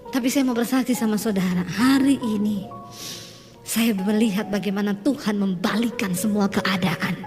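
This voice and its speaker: A woman's voice: mid-range voice, normal speed, darkish tone. A woman pastor preaching a sermon, telling her own story with emotion and joking with the congregation. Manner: emotional testimony with audience banter. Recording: long hall reverb with faint music.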